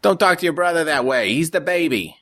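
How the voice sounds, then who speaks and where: A man's voice: fairly high pitch, lively intonation, brisk, fairly bright tone, dry recording, clean studio sound, pitched above the performer's own voice. Scolding older mob mama, raised and bossy, voiced by a man.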